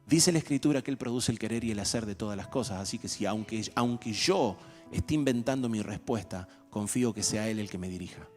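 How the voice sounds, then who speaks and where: A man's voice: lowish voice, fairly quick. A man, a pastor giving a conversational sermon and acting out everyday dialogues. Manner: animated, acts out everyday dialogues. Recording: reverberant hall with soft music.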